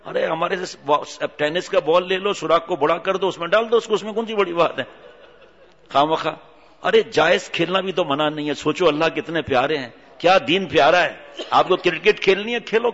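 A male preacher giving an animated sermon full of rhetorical questions and scolding, in a reverberant hall on a dull lo-fi recording. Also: on the high side.

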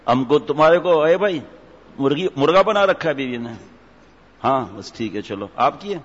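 A man's voice: fairly high pitch, expressive. A man, a cleric giving a humorous sermon in a mosque, teasing his audience with jokes and stories. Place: mosque hall. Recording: echoey hall, dull lo-fi sound.

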